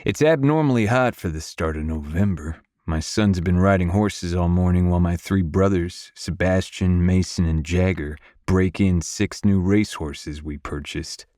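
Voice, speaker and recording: Deep-voiced male audiobook narrator. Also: moderate pace, few pauses, dark tone, dry recording, clean studio sound. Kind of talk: first-person audiobook narration.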